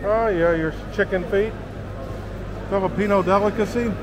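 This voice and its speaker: A travel vlogger strolls through an indoor market hall, offering casual tour commentary and voicing his amazement with exclamations. He speaks at a normal speed in a high-pitched voice over background noise.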